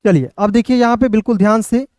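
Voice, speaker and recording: A man with a Hindi accent teaching English phonics, spelling words letter by letter and sounding them out slowly. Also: high voice, a little mellow, no echo, studio quality. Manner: slow, repeats words, checks with listeners.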